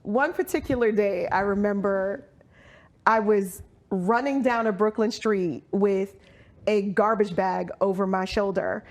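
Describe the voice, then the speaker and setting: A woman talks as a guest in a relaxed conversation and tells her stories with animated energy. Her pitch sits mid-range, and she breaks into laughter often as the story unfolds. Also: a little slow. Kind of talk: casual storytelling chat.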